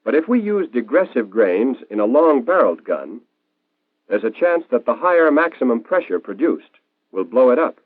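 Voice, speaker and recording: This old movie soundtrack, tinny and band-limited, features an American man explaining in a crisp, teaching-film 1940s voice with animated pitch swings. His pace is normal and the recording stays dry, with very little space around him.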